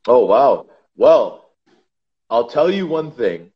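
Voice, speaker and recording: A man's voice: mid-range voice, slow pace. Man telling hockey stories, lo-fi sound. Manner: animated, calls the host brother. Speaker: podcast guest, ice hockey enforcer. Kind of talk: casual interview storytelling. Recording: slightly dull lo-fi sound.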